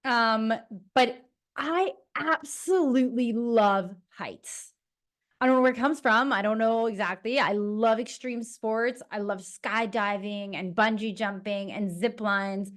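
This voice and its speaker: A woman's voice: a little high, a little slow. A woman from Toronto, a personal trainer talking in a casual, rambling monologue full of fillers. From Toronto, Canada. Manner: chatty and rambling, with many fillers.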